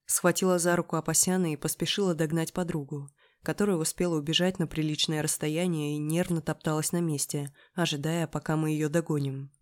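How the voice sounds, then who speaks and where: An audiobook reader giving expressive scripted first-person narration. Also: mid-range voice, a little fast, few pauses.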